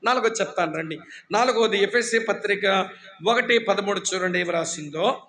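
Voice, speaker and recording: A man with a high voice preaches a sermon in a church hall with ceiling fans. He keeps firing questions at the congregation and waits for their answers, and he teases the people who nod off. The sound rings with a roomy echo. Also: moderate pace, slight background noise. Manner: teasing, humorous about dozing listeners; says he shouts loudly when preaching. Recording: echoey hall.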